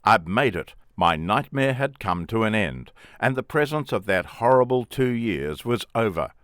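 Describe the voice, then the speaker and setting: A man's voice: lowish voice, sing-song, normal speed, fairly bright tone, no room sound, clean studio sound. A middle-aged Englishman, reading his own memoir aloud in a plain, wry first-person telling. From England. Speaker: memoir author and narrator.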